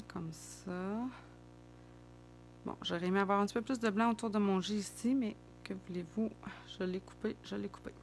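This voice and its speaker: A woman's voice: medium pitch, vocal fry. A middle-aged woman with a Québécois French accent, chatting casually and thinking aloud as she demonstrates card making.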